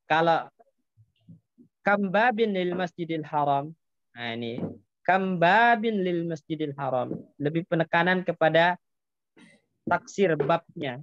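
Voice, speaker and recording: A man's voice: fairly high pitch, clear, resonant tone, no room sound, muffled recording. A man teaching an Arabic grammar class, patiently explaining step by step and quizzing his students.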